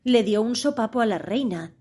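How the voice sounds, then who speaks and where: A woman voicing a timid, anxious little male rabbit who speaks in a hushed, urgent, frightened way in a storybook reading. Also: on the high side, animated, moderate pace, husky.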